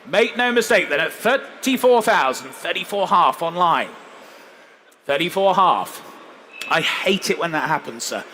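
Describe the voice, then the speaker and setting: A man with a high-pitched, forceful voice calls bids as an auctioneer. His patter is polished and courteous, coaxing and repetitive. There is some background noise from the saleroom around him. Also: expressive, a little slow. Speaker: classic car auctioneer. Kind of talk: live auction calling, repeating bids. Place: large indoor show hall, live saleroom. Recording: noisy auction hall ambience.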